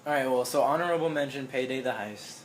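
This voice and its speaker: A young man co-hosts a casual talk about games, keeping his answers short and dry. He sounds relaxed and unhurried. Faint background noise runs under his voice. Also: medium pitch, low-quality recording. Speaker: co-host. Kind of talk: casual gaming chat.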